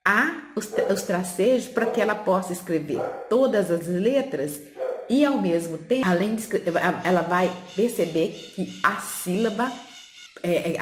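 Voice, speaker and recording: Woman teacher explaining in an echoey room. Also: lowish voice. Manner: explanatory, asks and answers own questions. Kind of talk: teaching lesson on literacy. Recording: echoey room with faint background noise.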